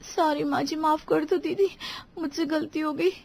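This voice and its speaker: A woman voicing a well-meaning but clumsy young daughter-in-law in a cartoon, soft and apologetic. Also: fairly high pitch, normal speed, dry recording, lightly acted. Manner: pleading and apologetic. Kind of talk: cartoon voice acting.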